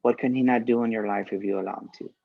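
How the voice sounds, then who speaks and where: A man's voice: fairly low pitch, fairly even intonation, quick pace, creaky, narrow, tinny audio. A man giving a faith-based motivational speech as a guest speaker, repeating key lines for emphasis.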